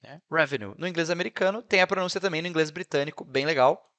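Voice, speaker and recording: A Brazilian man with a Brazilian Portuguese accent, talking over a screen recording as an English teacher. His voice sits a little high for a man, and he keeps it chatty, tossing in quick tag questions between points. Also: a bit bright. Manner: chatty, peppered with "né?" and "ó". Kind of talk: casual screen-share tutorial.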